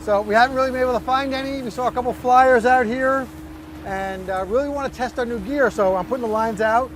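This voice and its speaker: Out on a boat, a male fishing co-host explains his gear step by step in a laid-back way while rigging it. His voice is very high and fairly quick, with slight background noise.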